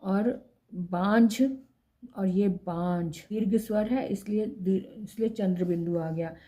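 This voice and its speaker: Slow, mellow-voiced woman teaching grammar. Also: medium pitch, steady tone. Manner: slow, deliberate, repeats each word for emphasis. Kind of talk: explaining spelling corrections.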